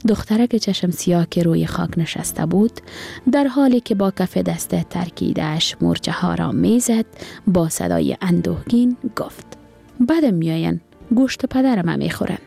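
A woman with an Afghan Dari accent reading a short story aloud for radio in a soft, low-key manner. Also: expressive, gravelly, husky, faint music behind. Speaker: story reader. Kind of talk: scripted story narration for radio.

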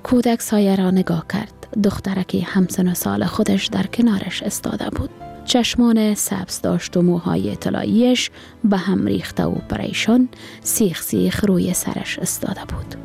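A woman with an Afghan Dari accent reads a story for the radio in a breathy, gravelly voice. Her tone is dark and mellow, with faint music behind her. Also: mid-range voice, steady tone. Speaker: story reader.

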